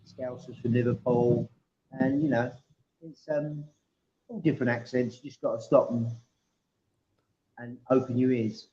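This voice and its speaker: A man's voice: mid-range voice, fairly even intonation, measured pace, long pauses, dark tone, reverberant, highs cut off. A man co-hosting a casual livestream chat, talking in a rambling, matey way. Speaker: co-host.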